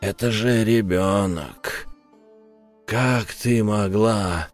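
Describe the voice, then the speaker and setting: A man voicing a harsh, threatening stranger who speaks low and hushed. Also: extremely slow, soft background music. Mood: disgusted whisper. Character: menacing hidden male stranger, cold and harsh.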